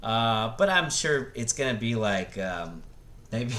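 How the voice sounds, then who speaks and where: Very animated and a bit bright, this mid-range male voice belongs to a middle-aged host of a movie review vlog. He rambles casually through blunt, sweary opinions, often stumbling into false starts and starting over.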